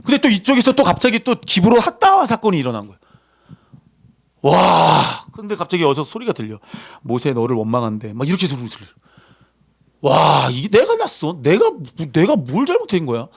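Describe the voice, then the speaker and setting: A man preaching a sermon in a lively, conversational way, acting out voices as he goes. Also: high voice, normal speed, gravelly, slightly rough. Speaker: pastor.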